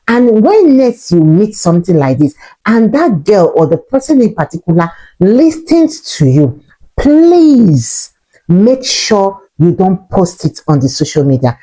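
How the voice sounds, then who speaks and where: Animated woman lecturing on parenting. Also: mid-range voice, a little slow, rough recording. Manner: earnest, lecturing, repeats points for emphasis. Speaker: parenting commentator. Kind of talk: casual commentary to camera.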